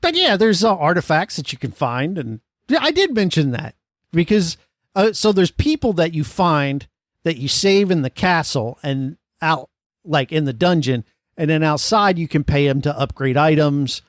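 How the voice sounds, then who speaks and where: A man's voice: fairly high pitch, sing-song, normal speed, no echo, studio quality. A man hosting a casual gaming podcast, explaining things in a conversational way. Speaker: podcast host.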